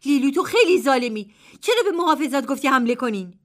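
A man voicing a spirited young woman who is an older sister, with sharp, indignant calls. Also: very high voice, big pitch swings, pitched above the performer's own voice, exaggerated voice.

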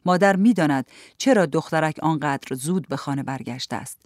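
A narrator reading a literary story aloud in a measured, even storytelling manner. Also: mid-range voice, no room sound, studio quality. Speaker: audiobook narrator.

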